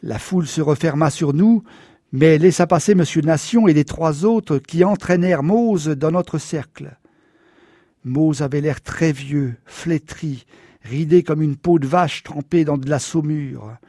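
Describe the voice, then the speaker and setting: A man reading a novel aloud in the first person, measured and somber. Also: on the high side, warm tone, dry recording, studio quality. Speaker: audiobook narrator. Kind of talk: scripted first-person narration.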